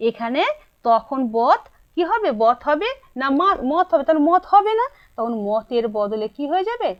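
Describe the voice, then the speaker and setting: A woman with a Bengali accent teaches a grammar lesson, asking her students questions and answering them herself. Her voice sits high with big pitch swings at a normal speed, and the sound is dull and lo-fi.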